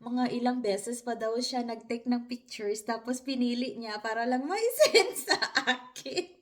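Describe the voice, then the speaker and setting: A woman's voice: fairly high pitch, unhurried. A woman with a Filipino accent telling a personal story to her viewers in a casual, chatty vlog, often breaking into laughter. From Philippines. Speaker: vlogger.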